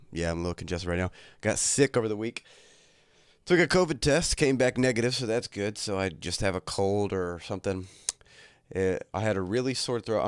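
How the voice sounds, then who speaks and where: Clean studio sound with no echo captures a fairly low, clear and resonant male voice. He's a young man running a casual bedroom livestream, laid-back and crude in his joking, and slightly congested from a cold.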